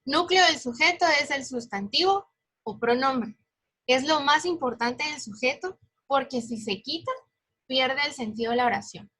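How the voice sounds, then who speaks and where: A woman teacher with a husky voice, explaining grammar directly to her students. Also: high voice, expressive, normal speed, pushed and bright. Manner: instructive, addresses the students directly. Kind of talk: class explanation.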